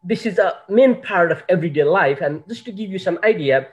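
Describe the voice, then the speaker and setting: A man who is a university professor, giving a factual, steady opening statement on an online panel and citing figures. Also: high-pitched, fairly quick.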